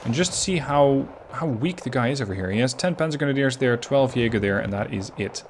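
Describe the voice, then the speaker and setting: A man narrates a replay of his strategy game match in an easygoing, analytical way, pausing to admit his own misplays. His voice sits at an ordinary middle pitch. A faint hiss of noise runs under the recording. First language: not Finnish. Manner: relaxed, analytical, self-critical. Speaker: gameplay commentator.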